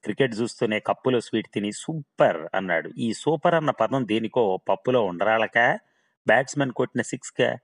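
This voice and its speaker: A man narrating a humorous story in a wry, steady reading voice. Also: mid-range voice, a little fast.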